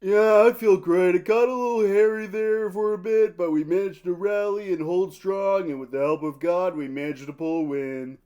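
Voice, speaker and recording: A man's voice: sits high, fairly even intonation, normal speed, few pauses, mellow, clear, resonant tone, close to an everyday voice. A proud young prince, acted by a man talks like a winning athlete after a match. His manner is casual and self-assured, in a mock sports interview about medieval battle. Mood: cocky, pleased.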